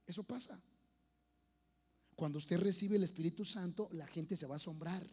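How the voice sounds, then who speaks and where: A man preaching a sermon as pastor, swinging between loud declarations and quiet personal storytelling. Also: sits high, moderate pace, slightly rough. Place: church. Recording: long church hall reverb.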